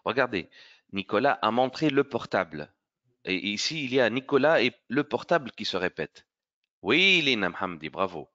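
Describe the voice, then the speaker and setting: A man teaching an online French grammar lesson to children, slow and careful in his explanations and encouraging as he praises pupils by name. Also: medium pitch, very animated, bright, forceful tone, lo-fi sound.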